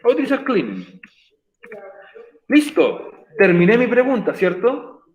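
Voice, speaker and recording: A man's voice: high voice, huge pitch swings, brisk, echoey room. A man teaching an online English class, patient and encouraging, explaining step by step.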